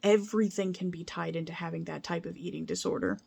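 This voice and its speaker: A young woman speaks straight to her viewers in an earnest, rambling vlog, circling back on herself. Her voice sits a little low for a woman, and she is open and emotional. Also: steady tone, quick pace, creaky, darkish tone, husky. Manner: earnest, rambling, emotional, with frequent restarts and laughs. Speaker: vlogger. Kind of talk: casual heartfelt vlog talk.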